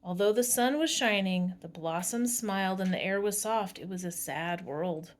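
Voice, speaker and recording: A woman's voice: mid-range voice, moderate pace. A woman is reading a story aloud to a drama class. She reads with expression and breaks off now and then to explain the staging to the students. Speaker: drama teacher.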